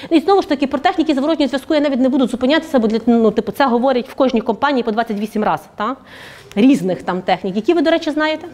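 A woman speaker giving a lively conversational lecture at a workshop, often checking in with her audience through tag questions. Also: high voice, racing. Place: office event room.

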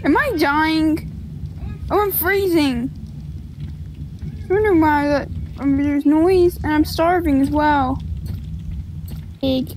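A woman co-hosting a casual gaming video, excitable and giggly, with squeals and laughs as she plays. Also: sits high, takes it slowly, pauses often, slight background noise. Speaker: gaming channel co-host.

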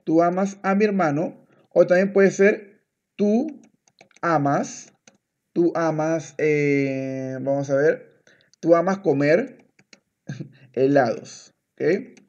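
A man's voice: on the high side, slow pace, long pauses, darkish tone, muffled recording. A man teaching Spanish one-on-one. He talks patiently, repeats words, and switches to English to explain. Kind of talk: one-on-one language lesson.

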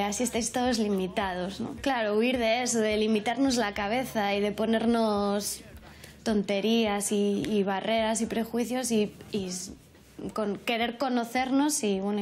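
A woman of middle pitch talks in a casual, chatty way. She strings thought after thought together with "and". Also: a little mellow. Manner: chatty, piles up phrases. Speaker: interviewee. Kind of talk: casual interview talk.

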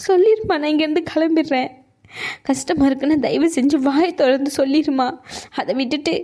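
A wounded young mother in a cartoon, as a woman voices her, with a high voice. She throws bitter, reproachful words at her family. The delivery stays proud and hurt. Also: mellow, lightly acted. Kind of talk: cartoon voice acting.

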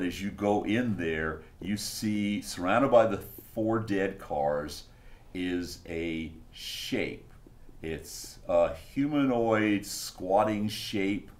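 A man narrating as game master of a tabletop game, describing scenes playfully. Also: low-pitched.

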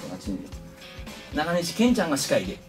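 Lively, quick-talking man host. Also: a little high, music in the background. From Kumamoto, Japan. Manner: lively, playful, drifts into jokey Kansai dialect. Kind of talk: casual chat.

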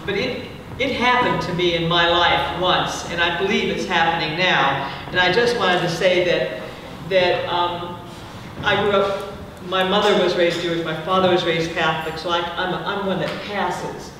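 A middle-aged woman from Chile giving earnest closing remarks at a panel discussion, speaking into a handheld mic in a large brick hall, with halting restarts. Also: on the low side, fairly even intonation, noisy background. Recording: echoey hall from far off.

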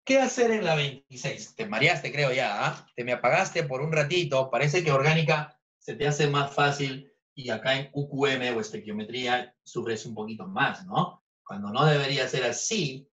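A man's voice: expressive, normal speed, hardly any pauses, fairly bright tone. A man tutoring a chemistry review class online, joking and teasing his students as he goes. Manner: playful, teasing, jokey with students. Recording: dull low-fidelity audio.

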